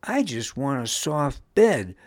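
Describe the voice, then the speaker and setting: An excitable little girl from a children's storybook, put on by a man. Her voice sits very high and bursts out loud and squealing, with lively leaps in pitch. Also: slow pace, no echo. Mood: whiny.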